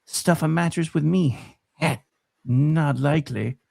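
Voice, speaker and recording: A man acting a brainless, good-natured, folksy scarecrow with a creaky, gravelly voice in a parody radio play. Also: on the high side, unhurried, darkish tone, dry recording, clean studio sound, full character voice. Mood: plucky.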